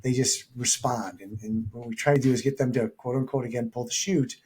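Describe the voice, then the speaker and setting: A man speaks as a leadership coach in a relaxed interview. His voice is mellow and a little husky, and he tells stories animatedly, voicing the people in them. The talk is conversational and unscripted. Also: mid-range voice, a little fast. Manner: animated, acts out quoted dialogue in anecdotes.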